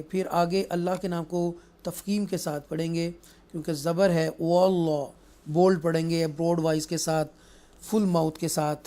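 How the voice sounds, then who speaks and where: A man teaching Quran recitation rules, explaining in a mix of Urdu and English and then reciting verses slowly and melodiously. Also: a little high, warm tone. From Pakistan. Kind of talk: tajweed lesson, explaining and reciting.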